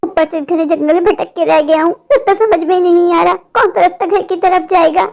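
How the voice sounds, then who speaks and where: A woman voicing a lecherous, cowardly married man in an animated horror story, muttering asides to himself. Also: very high voice, fairly quick, vocal fry. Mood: frightened.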